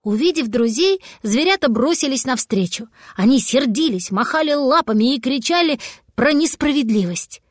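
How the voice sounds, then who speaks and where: A woman reading a children's audiobook with lively expression. Her voice is a little high, and the recording is dry and close. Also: normal speed, dry recording. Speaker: narrator. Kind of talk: audiobook narration.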